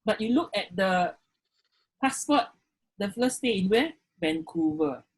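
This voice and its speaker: A man's voice: high voice, lively intonation, unhurried, breathy edge, rough recording. A man teaching a class over a video call, filling his speech with "okay" and putting questions to his students. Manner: frequent "okay" fillers, questions students directly. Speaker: lecturer. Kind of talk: online class lecture.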